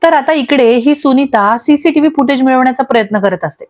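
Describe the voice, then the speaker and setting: A woman narrating a recap of a TV serial episode in brisk storytelling. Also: high-pitched, a little mellow. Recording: dull lo-fi audio.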